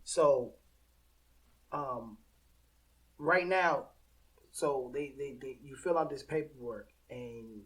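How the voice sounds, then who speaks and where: A man's voice: mid-range voice, slow pace, long pauses, rough recording. A man hosting an interview, chiming in with short affirmations and explaining points for the audience. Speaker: host.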